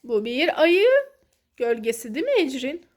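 High-pitched woman hosting a children's activity. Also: expressive, moderate pace. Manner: encouraging, guides a child with questions. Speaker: host of a children's activity video. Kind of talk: casual child-directed activity commentary.

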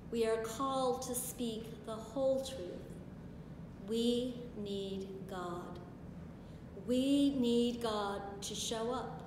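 A woman in her sixties, a pastor, delivers a sermon in a slow, deliberate cadence with long solemn pauses. Her voice sits fairly high and rings through a large stone church, picked up from a distance with a long, roomy reverb and steady background hiss. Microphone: far camera. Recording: echoey church from far off, hiss.

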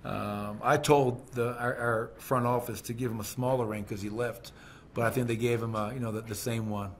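A middle-aged man with an average-pitched voice answers questions after a game, seated at a press-room table with a desk microphone. He talks candidly and conversationally, with plenty of fillers and restarts. A faint hiss sits under the recording. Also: steady tone, moderate pace. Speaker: basketball head coach. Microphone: desk microphone on a stand.

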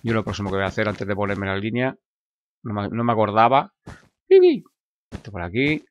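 A man's voice: on the low side, fast talker, a bit bright, slight background noise. A man with a Spain Spanish accent, chatting playfully through casual gameplay commentary and making silly sound effects. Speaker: gaming YouTuber.

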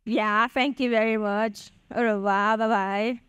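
A woman's voice: on the high side, fairly even intonation, unhurried, a bit bright, clean tone, dry recording. A young woman with a Nigerian accent giving a chatty motivational talk to an audience, often checking "do you understand?". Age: young adult. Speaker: speaker at a Bitcoin event.

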